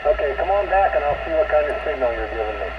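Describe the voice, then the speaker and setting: A man's voice: fairly high pitch, animated, fast talker. Friendly ham radio man from Indiana, heard over a hissing radio receiver with a thin, tinny signal. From Northeast Indiana, United States. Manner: friendly and chatty, with radio procedure words. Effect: heard over a shortwave radio receiver. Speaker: amateur radio operator answering a call. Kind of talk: ham radio contact exchange. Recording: tinny, static-laden radio transmission.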